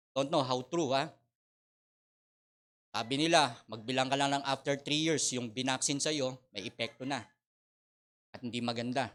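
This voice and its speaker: A middle-aged man with a Filipino accent preaching a sermon as pastor, swinging between loud appeals and quiet asides. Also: medium pitch. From Philippines.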